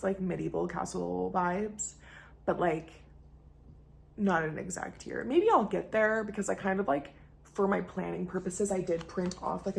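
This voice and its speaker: A woman's voice: mid-range voice, gravelly, a little hiss or hum. A young woman rambling casually in a vlog, self-mocking, often dropping into whispers. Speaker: vlogger. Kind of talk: casual chat. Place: indoors at home.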